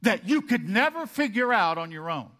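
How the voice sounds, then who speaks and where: A man preaching a sermon to his congregation, animated, acting out their objections and dropping from loud emphasis to quiet asides. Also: high-pitched, normal speed. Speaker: pastor.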